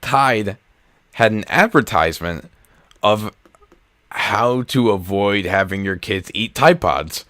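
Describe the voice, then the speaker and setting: A man's voice: fairly low pitch, expressive, slow pace, a bit bright, dry recording, clean studio sound. A young man co-hosting a comedy podcast, explaining things at length in a blunt, casual way with some swearing. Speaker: podcast co-host. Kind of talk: casual chat.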